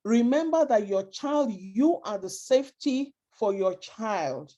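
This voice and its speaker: A woman with a Nigerian accent speaks slowly and animatedly in a fairly high, warm voice, with the highs cut off in the audio. She is giving immigrant parents earnest, emphatic advice and repeating her key points.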